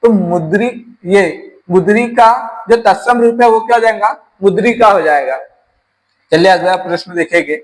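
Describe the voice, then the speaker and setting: A man's voice: sits high, normal speed, rough recording. A man from teaching an exam-prep grammar lesson, explaining step by step and asking his class rhetorical questions.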